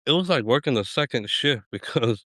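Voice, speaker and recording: A man's voice: medium pitch, animated, fairly quick, a bit bright, no echo, clean studio sound. A middle-aged man hosting a podcast, chatting in a laid-back, rambling way and chuckling often. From Eastern Washington. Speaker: podcast host. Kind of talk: casual chat.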